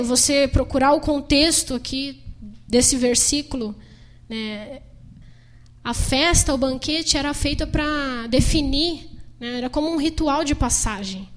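A young Brazilian woman telling a lively story in a sermon, acting out dialogue and laughing often. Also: high voice. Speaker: missionary preacher.

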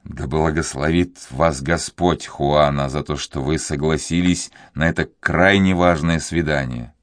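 A man voicing a tender young nobleman in love, speaking in a hushed, trembling, earnest way. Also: deep voice, slow, dry recording, clean studio sound.

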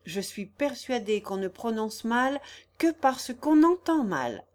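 A woman reading a young singer from a storybook, frank and kind in her manner, with a fairly high voice. Her lines come a little livelier than the narration. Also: very animated, slow. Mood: kindly.

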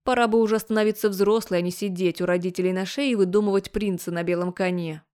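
A woman's voice: medium pitch, steady tone, fast talker, a little mellow, smooth, close to an everyday voice. A woman voicing a domineering, indignant middle-aged woman in an audiobook. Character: loud bossy overbearing middle-aged woman. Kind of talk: audiobook character voice.

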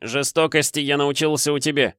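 A man's voice: on the high side, fairly even intonation, a little fast, a bit bright, smooth, no echo, clean studio sound, voice pushed up, lightly acted. A man voicing a bitter eleven-year-old boy who speaks harshly and accusingly.

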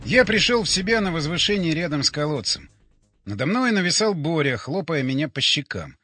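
A man narrating a first-person sci-fi audiobook with expressive, animated storytelling, recorded on a close studio mic. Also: a little high, brisk, soft background music.

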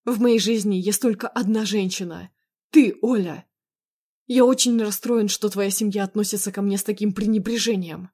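Audiobook: woman reads a hot-tempered possessive young man, loud and insistent, medium pitch. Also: fairly even intonation, moderate pace, lightly acted. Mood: angry pleading. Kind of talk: audiobook dialogue reading.

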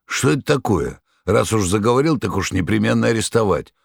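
A sly, rude stranger who mocks and cuts people short, voiced by a male reader. The voice is deep and low and sounds close and dry. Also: lively intonation, fairly quick, creaky, slightly rough, dry recording, full character voice. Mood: brusque. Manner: mocking, brusque. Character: sly, rude mysterious red-haired man. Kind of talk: audiobook reading.

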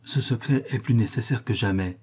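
A man reading an audiobook voices a composed, generous gentleman who speaks in a calm, reassuring way. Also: on the low side, normal speed, breathy edge.

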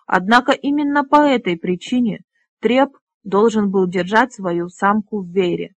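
An audiobook reader voicing a male dragonrider leader who speaks calmly and with restraint. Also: medium pitch, measured pace, no echo, lightly acted. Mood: restrained. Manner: calm, restrained. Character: calm, controlled young male dragonrider leader.

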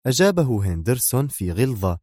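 A man reading a spy novel aloud as narrator, in a steady, measured delivery. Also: mid-range voice, dry recording, clean studio sound. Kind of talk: scripted audiobook narration.

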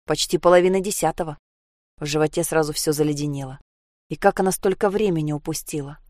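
A woman narrating a story in an even, measured reading. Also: sits low, no room sound, clean studio sound.

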